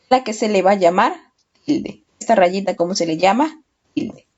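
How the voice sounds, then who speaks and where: A woman teaching children, speaking slowly and patiently, asking questions and then answering them herself. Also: mid-range voice, darkish tone. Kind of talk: children's lesson. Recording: dull lo-fi recording.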